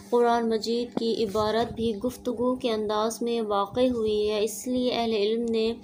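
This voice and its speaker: A woman with a fairly high voice gives an online Quran lesson, explaining things step by step in a steady, teacherly way and mixing in English words. There is slight background noise.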